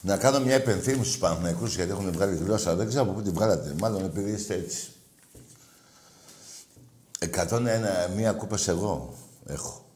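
A man hosting a call-in show, taunting rival fans with loud, crude, mocking banter. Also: sits low, long pauses, reverberant. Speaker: radio show host taking calls.

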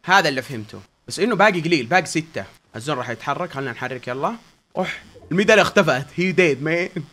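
A young man commentating his own gameplay, swinging between yelling and pleading in tense moments and quiet muttering when things calm down. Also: on the high side, very fast. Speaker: gaming YouTuber.

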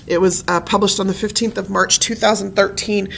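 Creaky-voiced woman presenting, chatty and personal. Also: mid-range voice, steady tone, brisk, fairly bright tone, a little hiss or hum. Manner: chatty and personal, with frequent fillers. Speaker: presenter at a family history talk. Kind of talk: conversational presentation.

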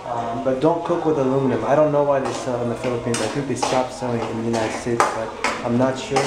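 A young man filming a casual home vlog on a handheld camera, talking in a relaxed, rambling way with lots of ums. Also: medium pitch, quick pace, heavy background noise. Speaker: vlog co-host. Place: small tiled home kitchen. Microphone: handheld compact camera. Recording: echoey tiled kitchen.

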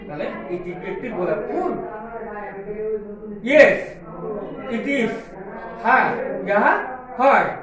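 A man with a Bengali accent teaching English to small children, spelling words out letter by letter and checking after each one whether they follow. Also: high-pitched. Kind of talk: slow, drilled English lesson for small children. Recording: echoey room, far from the mic, noisy crowd behind.

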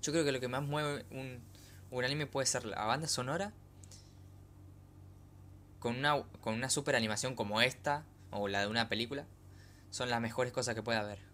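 A young man reacts live as an excited anime fan, exclaiming and repeating himself in casual commentary. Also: mid-range voice, normal speed, long pauses. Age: young adult. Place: small bedroom, indoors. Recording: noisy home webcam recording.

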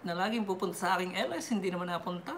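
A woman from the Philippines chatting casually as a vlogger, laughing often and giving shout-outs. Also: on the low side, fast talker, slight background noise.

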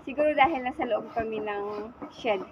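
A woman's voice: fairly high pitch, brisk, lo-fi sound. Chatty woman vlogging in a noisy night shed. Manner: chatty, mixes English and Tagalog. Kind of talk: casual vlog narration. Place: open-sided farm shed at night, outdoors. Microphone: phone selfie at arm's length. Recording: loud outdoor background noise.

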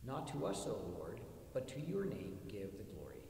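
A man leading Mass as a priest, reciting prayers and readings in a measured, solemn way. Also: on the low side, sing-song, vocal fry, darkish tone, a little hiss or hum. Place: church. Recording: echoey church from a distance.

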